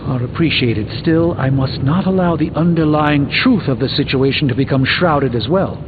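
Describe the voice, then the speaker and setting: An actor playing an erudite, proud, guilt-burdened middle-aged sorcerer doctor in a video game, speaking formally in measured, articulate phrases. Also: male voice, a little high, narrow, tinny audio, noisy background, natural voice. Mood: regretful, earnest. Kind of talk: video game dialogue acting. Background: background music.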